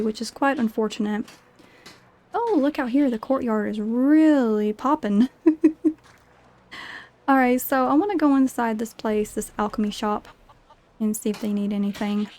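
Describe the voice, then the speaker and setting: A woman's voice: on the high side, mellow. A woman giving casual gameplay commentary as she role-plays through a video game. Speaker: gamer narrating a role-play playthrough.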